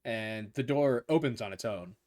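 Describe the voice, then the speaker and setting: A man's voice: medium pitch, moderate pace, darkish tone. A young man running a tabletop game as game master, narrating loosely with fillers and chuckles.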